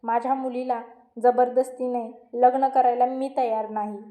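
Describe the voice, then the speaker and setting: A woman voicing a middle-aged father who speaks calmly and firmly. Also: fairly high pitch, measured pace, lightly acted. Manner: calm and firm. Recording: roomy echo.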